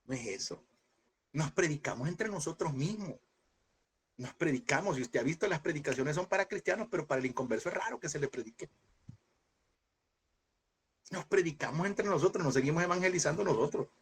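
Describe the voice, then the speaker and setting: A man teaching a Bible seminary class in a lively preaching style, asking rhetorical questions and acting out scenes in sudden high shouts. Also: fairly quick, long pauses, a little hiss or hum. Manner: animated, mimics voices with sudden high shouts; addresses listeners as brother, rhetorical questions.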